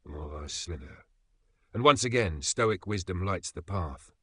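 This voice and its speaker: Male narrator, low and punchy, for scripted motivational voice-over; deliberate emphatic phrasing, recorded dry and close. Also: lively intonation, a bit bright, husky, no room sound. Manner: measured, emphatic delivery with dramatic pauses. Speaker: channel narrator.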